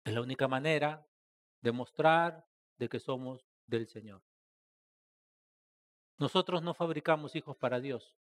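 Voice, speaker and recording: A man preaching a church sermon, asking rhetorical questions and addressing the congregation as brothers, swinging between loud stressed phrases and soft trailing endings. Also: medium pitch, measured pace, pauses often.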